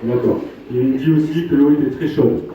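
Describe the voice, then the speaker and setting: A man's voice: a little high, steady tone, narrow, tinny audio, background noise. Distant echoey man giving hypnotic commands. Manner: commanding, slow hypnotic suggestions and countdowns. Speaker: stage hypnotist. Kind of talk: live stage hypnosis show. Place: live show at a campsite venue. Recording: echoey live venue, voice from afar.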